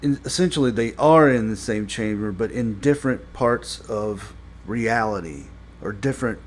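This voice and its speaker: A man giving a casual spoken review, rambling and halting with many fillers and restarts, blunt and critical. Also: on the low side, lively intonation, a little hiss or hum. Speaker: show reviewer.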